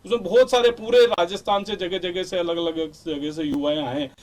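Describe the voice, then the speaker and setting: A man arguing forcefully as a party spokesman in a heated televised debate, repeating points in a campaign-style way. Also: high-pitched, steady tone, normal speed, far from the mic. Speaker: youth wing party spokesman.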